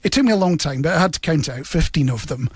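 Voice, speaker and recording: A man's voice: on the high side, expressive, fast, husky, no echo, clean studio sound. A man with a thick Scottish accent, chatting on the radio in a jokey, self-deprecating, bantering way. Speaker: new radio presenter, guest in studio. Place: radio studio.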